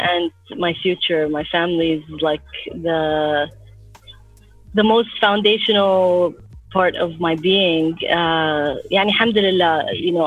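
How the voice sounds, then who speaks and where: A woman in her thirties from Abu Dhabi, a guest artist talking in a relaxed, reflective way outdoors in the wind. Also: lowish voice. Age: 30s. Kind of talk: casual interview talk. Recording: dull lo-fi sound, faint music.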